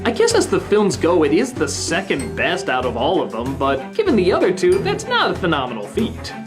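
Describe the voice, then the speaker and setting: A woman reviews a film casually, her lowish voice swooping up and down in animated exasperation. Clear music runs underneath her. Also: moderate pace. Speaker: movie reviewer.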